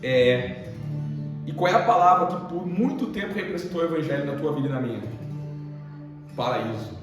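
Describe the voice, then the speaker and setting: A young Brazilian man preaches, lively and questioning, his voice sitting a little high. He is heard from far off in a big reverberant hall. A guitar plays underneath. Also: normal speed. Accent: Brazilian Portuguese. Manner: animated, asks the congregation questions. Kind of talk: sermon. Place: church hall.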